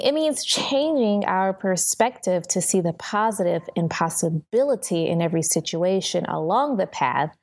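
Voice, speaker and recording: A woman with a slightly low-pitched voice hosts a motivational podcast on her own. She delivers prepared advice in an earnest, encouraging manner, laying it out in tidy, ordered steps. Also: gravelly, darkish tone. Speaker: podcast host.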